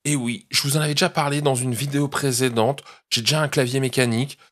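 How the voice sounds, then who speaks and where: A man's voice: mid-range voice, fairly even intonation, fast talker, a bit bright. A man hosting a tech channel, chatting casually through a product review and explaining each step, often checking in with his viewers.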